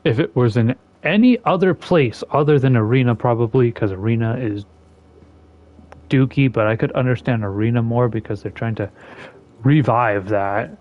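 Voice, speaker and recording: Heard through dull audio, a male gaming creator moves at a moderate pace, sarcastically griping about the game he's playing. His tone is exasperated and offhand, with lively shifts in pitch and loudness.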